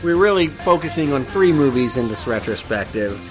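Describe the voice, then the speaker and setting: A man's voice: medium pitch, big pitch swings, normal speed, music in the background. A man co-hosting a podcast, chatting casually as he reviews films. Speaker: podcast co-host. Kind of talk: casual film review chat.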